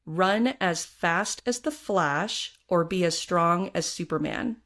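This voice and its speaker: A woman's voice: on the low side, slow pace, fairly bright tone. Bubbly giggling podcast co-host woman. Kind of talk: casual interview chat.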